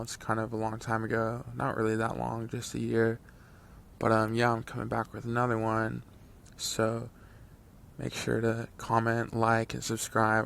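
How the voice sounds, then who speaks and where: Over gameplay, a twenty-something channel host rambles through a long, casual story time, full of fillers and false starts. He sounds low-ish, creaky and a bit bright, with slight background noise.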